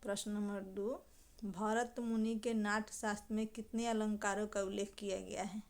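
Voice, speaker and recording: A woman teaching a grammar lesson, posing questions and answering them herself, and reciting verse examples slowly. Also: medium pitch, flat delivery, a little mellow. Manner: explanatory, asks and answers own questions.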